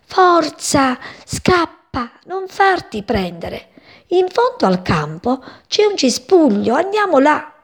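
A woman's voice: fairly high pitch, huge pitch swings, measured pace, darkish tone, husky, full character voice. A woman voicing a cocky, boastful young male sparrow in a children's story. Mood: urgent.

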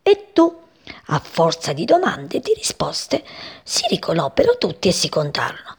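A woman reads a children's story aloud in an expressive, lively way, with pitch rising and falling. Her voice is gravelly and husky. She slips into voices for the characters. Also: normal speed.

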